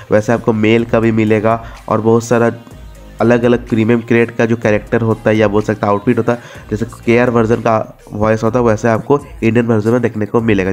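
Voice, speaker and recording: A man with an Indian accent hosts a casual, informal gaming voice-over, mixing in English words and repeating himself. His voice is mid-range with a darkish tone, and background music plays underneath.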